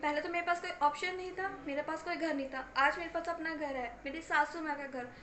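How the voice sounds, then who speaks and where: A woman's voice: sits high, little pitch movement, normal speed, fairly bright tone, reverberant, slight background noise. A woman playing an angry married daughter who scolds her mother with emphatic repetition in an acted family story. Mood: fed up. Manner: reproachful, emphatic, repeating herself.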